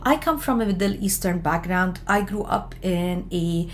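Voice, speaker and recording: A woman from Lebanon giving an explanatory lecture on research methods, talking in a measured way with frequent fillers and self-corrections. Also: lowish voice, slight background noise. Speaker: education lecturer.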